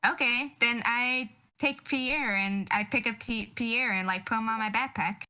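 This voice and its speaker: Slow-talking playful woman player. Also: on the high side, sharp tone, clear, resonant tone. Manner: playful, giggly. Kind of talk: casual tabletop play.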